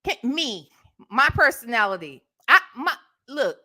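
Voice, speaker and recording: A slightly high, measured voice belongs to a middle-aged American livestream host from Ohio who shares stories in casual chat. She's sassy and emphatic, full of animation, and often checks in with her audience using tag questions.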